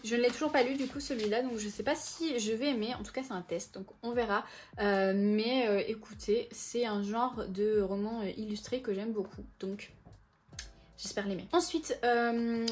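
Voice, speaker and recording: A woman's voice: fairly high pitch, moderate pace, a little mellow. A woman in her twenties chatting casually through a book haul video, often hesitating and correcting herself. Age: 20s. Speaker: book vlogger.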